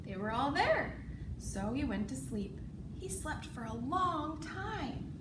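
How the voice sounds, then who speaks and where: High singsong woman reading to children. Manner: broad singsong children's-theatre delivery, expressive and deliberate. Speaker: storyteller. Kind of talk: children's storytime read-aloud. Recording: echoey room, distant mic, noisy background.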